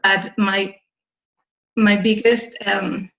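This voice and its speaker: An older woman on a group video call giving heartfelt testimony in an earnest, deliberate way, with hesitant fillers. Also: mid-range voice, flat delivery, fairly bright tone. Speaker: team member on a group call. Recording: dull, lo-fi video call audio.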